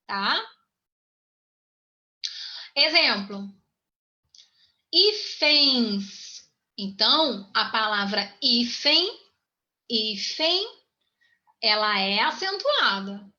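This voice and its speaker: A woman's voice: high voice, sharp tone, highs cut off. A woman teaching an online grammar lesson, patiently repeating points and checking in with her students.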